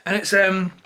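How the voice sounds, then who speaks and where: High-pitched Scottish man ranting off the cuff. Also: bright, forceful tone. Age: adult, parent of a toddler. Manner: rambling, frequent swearing; irritated, opinionated. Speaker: YouTuber. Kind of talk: unscripted rant to camera. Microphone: camera held or placed close to him.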